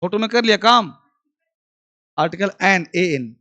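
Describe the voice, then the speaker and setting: A man teaching a basic grammar class, quizzing students and slowly repeating phrases for them to write down. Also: high-pitched, pushed and bright, highs cut off. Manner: questions the class and answers himself.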